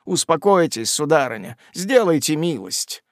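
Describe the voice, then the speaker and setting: Soft-spoken sentimental suitor, tender and slow, voiced by a male narrator, dry close sound. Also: fairly high pitch, very animated, no echo. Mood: soothing. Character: sentimental young gentleman, lightly wounded, tender suitor. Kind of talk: audiobook character voice.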